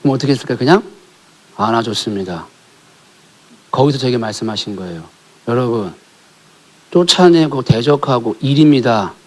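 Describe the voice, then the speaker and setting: A male pastor preaching a sermon in a church, telling a family story and asking the congregation questions, rising to emphatic calls and dropping to hushed near-whispers. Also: mid-range voice, expressive, normal speed, pauses often. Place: church sanctuary.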